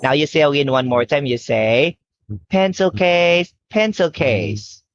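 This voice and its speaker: A woman's voice: deep voice, expressive, unhurried. A woman teaching a one-on-one English lesson to a young child, encouraging and modelling simple phrases as if talking to a toddler. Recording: dull, noisy lo-fi class recording.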